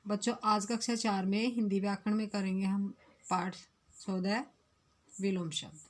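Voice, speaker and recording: A woman's voice: medium pitch, fairly even intonation, moderate pace. Woman teaching a Hindi grammar lesson. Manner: clear, repeats definitions.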